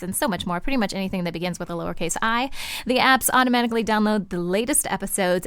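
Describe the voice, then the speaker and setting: A woman's voice: mid-range voice, a bit bright, smooth, dry recording. A woman hosting a pregnancy podcast, introducing the show and its panelists in a chatty way. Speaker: podcast host.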